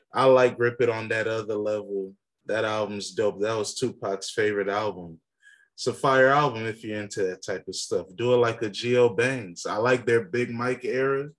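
A young man co-hosting a podcast, arguing his point in casual, profane talk and cutting in over his partner. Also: on the low side. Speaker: podcast co-host. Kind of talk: casual debate about rap.

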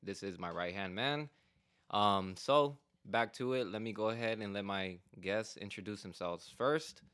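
A man's voice: on the low side, measured pace, fairly bright tone. Laid-back young man hosting a podcast. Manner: laid-back slangy banter. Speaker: podcast host. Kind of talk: casual chat.

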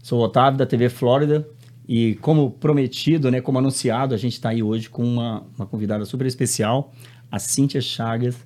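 A man's voice: medium pitch, steady tone, fairly quick, a little mellow. A middle-aged man with a Brazilian accent, hosting a podcast in a casual, informal style. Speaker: podcast host.

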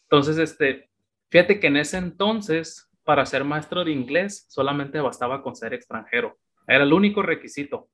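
A man in his thirties with a Mexican accent, a guest telling his story in a relaxed, chatty way with plenty of fillers. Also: a little high, normal speed. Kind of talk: casual interview chat.

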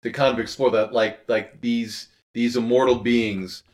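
Interviewed as an audio drama creator, a man speaks in a thoughtful, halting, conversational way, circling back over his own phrases. His voice is mid-range and steady in tone.

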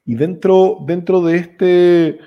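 A young Chilean man with a Chilean accent, a startup co-founder talking casually as a guest, halting and restarting his sentences often. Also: high voice, highs cut off. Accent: Chilean Spanish. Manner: relaxed, halting, many restarts and fillers. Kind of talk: casual conversational interview.

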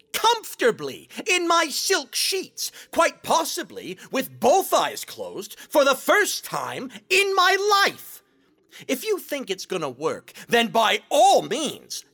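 A man playing a sarcastic, self-serving rogue supervillain in an audio drama, with a dramatic, drawn-out delivery. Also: extremely high pitch, wildly swooping pitch, sharp tone, exaggerated voice. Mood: scornful. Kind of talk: theatrical audio drama acting.

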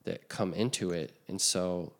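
A man's voice: low-pitched, a little slow. A man co-hosting a podcast, talking in a loose, rambling way with many fillers and restarts. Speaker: podcast co-host. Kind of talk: casual chat.

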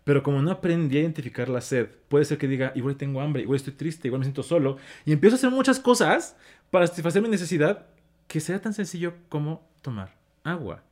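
A man with a Mexican accent, explaining emotions in casual conversation, animated and acting out his own inner voice. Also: fairly high pitch, quick pace. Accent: Mexican Spanish. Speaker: guest speaking on emotions and relationships.

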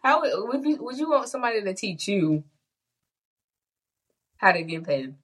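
Joking young woman, mid-pitched. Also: very animated, normal speed, husky. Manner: joking, laughs often, slangy. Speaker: podcast co-host. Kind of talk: casual chat.

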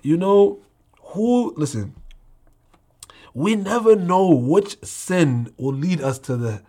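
A man's voice: sits high, animated, slow pace, warm tone. A man speaking as an interview guest in a heartfelt conversational way, emphatic and often checking that the listener follows. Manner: emphatic, with repeated rhetorical check-ins.

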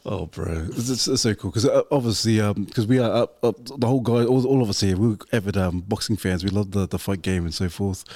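A man with a lower voice co-hosts a podcast and talks in a rambling, repetitive way, circling around his point. The sound is dry and close to the mic. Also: a little fast, few pauses, darkish tone, dry recording. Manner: rambling, repeats words, calls people bro. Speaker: podcast co-host. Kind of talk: casual podcast chat.

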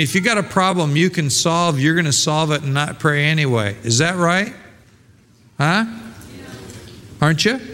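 A man's voice: on the high side, a bit bright. A male pastor preaching a sermon in a conversational way, full of rhetorical questions and restarts. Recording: long hall reverb.

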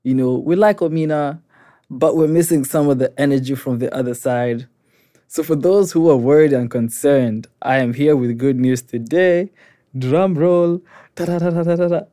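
A young man co-hosting a podcast in easy, casual talk. His voice is dark and mellow, and he adds playful, upbeat emcee flourishes. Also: mid-range voice, moderate pace. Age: young adult. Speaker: podcast co-host.

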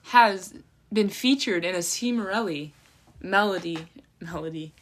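A woman's voice: on the low side, a little slow. Giggly young woman co-hosting a chat. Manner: giggly, rambling, jokey. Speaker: co-host. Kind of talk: casual comedic chat.

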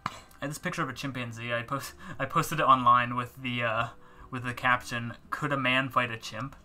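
A man's voice: mid-range voice, steady tone, a little fast, pushed and bright. A young man in casual chat, rambling through stories with lots of fillers and self-mockery. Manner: rambling storyteller, filler-heavy, self-mocking. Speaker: co-host.

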